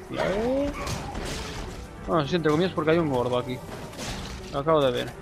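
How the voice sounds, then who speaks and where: A man's voice: medium pitch, gravelly, low-quality recording. Swearing Spanish man commentating a game. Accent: Spain Spanish. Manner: swears often, excitable exclamations. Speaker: gameplay commentator. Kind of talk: casual gameplay commentary. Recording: game music behind voice.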